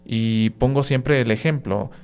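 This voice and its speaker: A priest giving a spoken reflection on a radio podcast, explaining with everyday examples and often checking in with "¿no?" and "¿sí?". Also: male voice, medium pitch, measured pace, darkish tone, clear, resonant tone. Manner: frequent "¿no?" and "¿sí?" tag questions.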